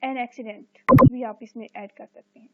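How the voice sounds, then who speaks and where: A female teacher gives a recorded lecture, reading English sentences slowly and explaining them in Urdu with a frequent "okay". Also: on the high side, steady tone, faint music behind. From Pakistan. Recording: tinny phone-like audio.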